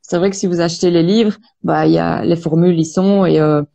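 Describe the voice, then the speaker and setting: A woman practitioner explaining energy healing in an interview, speaking calmly with many hesitations. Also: fairly low pitch, vocal fry. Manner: calm, measured, many hesitations. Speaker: Access Bars practitioner, guest.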